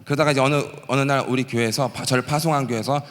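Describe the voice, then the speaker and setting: A man in his late thirties from the Gyeongsang region preaching a testimony sermon, telling his story with animated energy and acting out the prayers and shouts he quotes. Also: medium pitch, racing, in a large hall. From Gyeongsang region, South Korea. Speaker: pastor and missionary. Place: church sanctuary.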